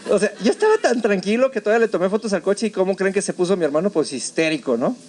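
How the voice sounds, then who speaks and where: Male Mexican pastor, high register, animated storyteller who acts out his own shouts. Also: quick pace. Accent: Mexican Spanish. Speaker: preacher. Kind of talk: sermon testimony. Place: church.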